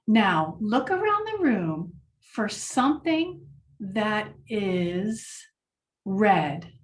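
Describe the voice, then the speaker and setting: A woman leading a children's mindfulness lesson, speaking gently and encouragingly to the class. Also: medium pitch, sing-song, drawn-out words, far from the mic.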